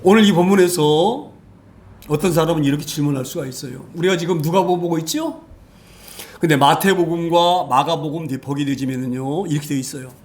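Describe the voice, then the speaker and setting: Emphatic male pastor, high-pitched voice, sermon delivery with rhetorical questions and dramatic swings in volume. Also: brisk. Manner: emphatic, rhetorical questions, frequent hallelujahs, wide swings in loudness.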